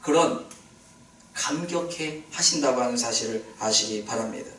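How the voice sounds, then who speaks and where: A male pastor preaching a sermon in a prayer retreat hall, animated and questioning his congregation, heard from a distance. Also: medium pitch, moderate pace, a little hiss or hum.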